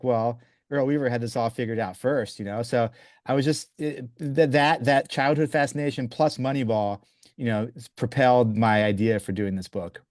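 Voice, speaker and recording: A Belgian-raised author in his forties, a guest answering interview questions about his book, speaks with a medium-pitched, darkish voice. He is enthusiastic, with eager, stop-start phrasing, frequent restarts, and lots of "you know." The studio-quality recording has no echo.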